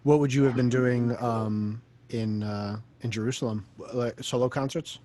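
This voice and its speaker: A man's voice: mid-range voice, fairly even intonation, normal speed, dark tone. A man hosting an interview, asking long, winding questions in a casual, chatty way. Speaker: podcast host.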